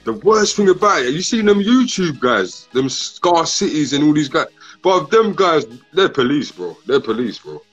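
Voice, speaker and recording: A man's voice: fairly high pitch, very animated, moderate pace, a bit bright, slightly rough. A man with a London roadman accent and street slang, chatting casually on a group livestream. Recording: muffled livestream audio with faint music.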